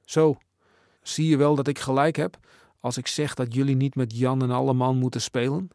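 A man voicing a jovial, middle-aged father who teases his son in a storybook reading, a bit higher and louder than his narration. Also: little pitch movement, moderate pace, no room sound, clean studio sound, close to an everyday voice. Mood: teasing. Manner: teasing, chuckling.

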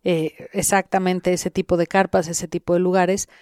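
A woman's voice: on the low side, level tone, moderate pace, darkish tone, no room sound, studio quality. A woman with a Mexican Spanish accent, speaking as an interview guest in an instructive way, addressing the listener directly. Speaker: interviewed guest who guides sessions. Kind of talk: explanatory podcast interview.

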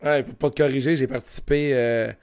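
A man with a Quebec French accent and a hoarse, gravelly voice, chatting casually as a podcast co-host. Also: medium pitch, fairly even intonation, fairly quick, a little mellow. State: hoarse voice after two wrestling shows. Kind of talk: casual chat.

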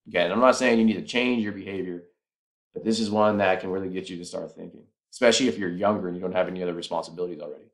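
Solo podcast host, male, lower voice, earnest persuader working through the numbers. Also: fairly even intonation, racing. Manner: earnest, persuasive, walks through math step by step. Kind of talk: casual solo podcast talk.

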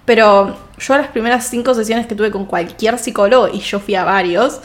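A woman's voice: on the high side, moderate pace. A young woman with an Argentine accent telling stories in a casual podcast chat as co-host. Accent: Argentine Rioplatense Spanish. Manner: lively storyteller, chatty.

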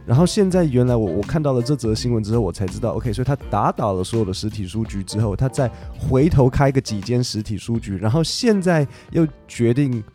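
In a relaxed podcast lesson, a male English teacher with a mid-range voice chats and thinks out loud, full of fillers and restarts. He reads English text slowly and carefully while faint music plays behind him.

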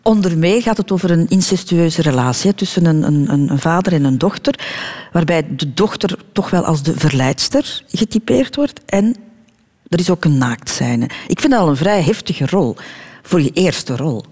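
A man's voice: fairly high pitch, lively intonation, normal speed, darkish tone. A man hosting a radio interview, steering his guest with prompting questions. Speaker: radio host.

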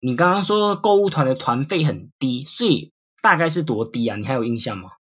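Husky-voiced male podcast interviewer. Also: medium pitch, lively intonation, a little fast, fairly bright tone. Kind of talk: conversational interview.

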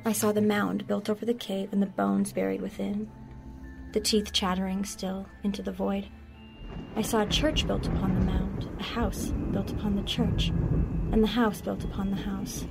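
A woman narrating a horror story in a hushed voice that often drops to a whisper. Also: medium pitch, level tone, normal speed, gravelly. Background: music.

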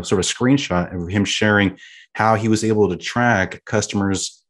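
A man hosting a sales podcast, introducing his guest in an upbeat, enthusiastic way. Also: deep voice. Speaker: podcast host.

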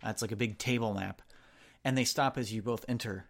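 A man's voice: fairly low pitch, fairly even intonation, fairly quick, gravelly. A man narrating as game master in a casual, rambling way, with fillers and restarts. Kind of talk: narrating a tabletop role-playing game.

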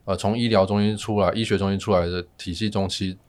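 A man with a Taiwanese Mandarin accent explaining things as a guest in a casual podcast interview, softening his sentence endings. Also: low-pitched, fairly even intonation, quick pace. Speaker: family physician guest.

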